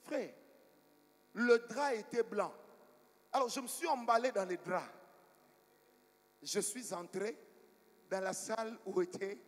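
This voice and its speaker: A high-pitched male preacher, telling stories from the pulpit and drawing replies from the congregation. His voice rings through a large church hall with a long reverb tail. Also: slow pace, pauses often. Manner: storytelling preacher, asks the congregation for responses. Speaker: pastor. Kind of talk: sermon.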